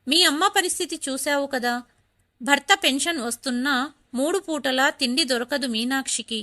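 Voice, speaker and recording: A woman's voice: high voice, pushed and bright. A woman reading the lines of a frank elderly widowed neighbor in a storybook tale.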